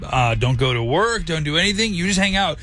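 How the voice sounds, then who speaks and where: A man's voice: fairly high pitch, animated, fairly quick, bright, forceful tone, faint music behind. A man co-hosting a morning radio show in a studio, joking and teasing in casual banter.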